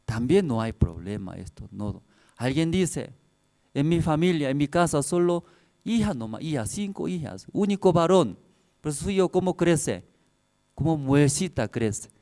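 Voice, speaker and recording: A man's voice: on the high side, sing-song, moderate pace, warm tone. A man preaching a sermon, telling personal stories in simple, broken Spanish with frequent laughter. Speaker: pastor.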